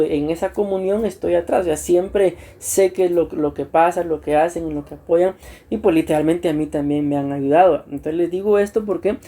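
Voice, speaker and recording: Male pastor, mellow tone, earnest church teaching, frequent throat-clearing. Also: a little high. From Costa Rica. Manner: earnest and unhurried, repeats himself, often clears his throat. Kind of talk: church teaching to new deacons.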